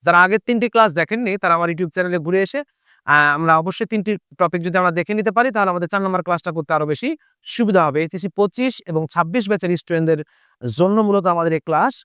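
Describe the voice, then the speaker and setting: A man's voice: high-pitched, very fast, pushed and bright, smooth, no room sound, clean studio sound. A Bengali teacher with a Chapainawabganj accent gives an online lesson. He repeats key points and asks and answers his own questions. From Chapainawabganj, Bangladesh.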